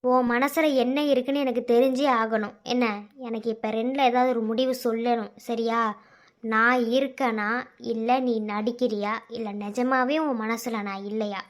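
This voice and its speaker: A woman's voice: a little high, fairly even intonation, moderate pace, close to an everyday voice. A woman voicing a young man in a cartoon love story, urgently pleading with the girl he loves to confess her feelings. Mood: insistent.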